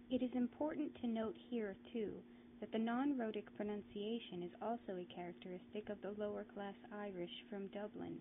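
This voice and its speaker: Woman narrator for an accent tutorial, clear and measured; tinny lo-fi audio. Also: mid-range voice. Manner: clear, deliberate, slows down to demonstrate words. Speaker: narrator explaining a dialect. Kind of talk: scripted educational narration. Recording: lo-fi phone-like audio, faint noise.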